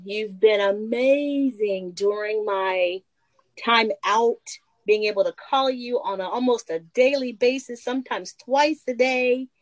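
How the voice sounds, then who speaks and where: A woman's voice: mid-range voice, dry recording, rough recording. A woman council member speaks on a video call, heaping thanks on the people who helped her. Her voice comes across dry and close, with no room around it. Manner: warm, effusive thanks. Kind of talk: meeting remarks.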